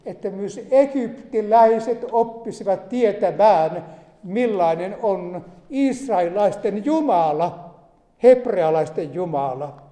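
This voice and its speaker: A man's voice: sits high, warm tone. A man preaching a sermon, retelling a Bible story with emphatic rises and asides. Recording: echoey hall reverb.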